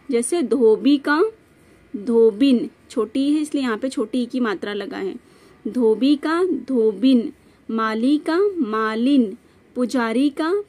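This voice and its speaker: A young woman teaching a grammar lesson from notes, repeating each rule and example slowly. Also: high-pitched, darkish tone.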